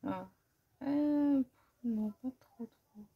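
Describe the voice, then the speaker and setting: A woman's voice: fairly high pitch, extremely slow, creaky, husky, phone-quality sound. A woman vlogger chatting casually as she swatches watercolors, thinking aloud and poking fun at herself. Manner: chatty and self-deprecating. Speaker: art vlogger. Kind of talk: casual art-supply haul commentary.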